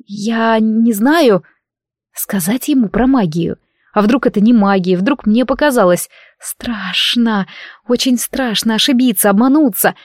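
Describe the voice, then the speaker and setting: A woman's voice: a little high, moderate pace, dry recording. Brief: female audiobook narrator, first person, intimate and emotional, dry studio sound.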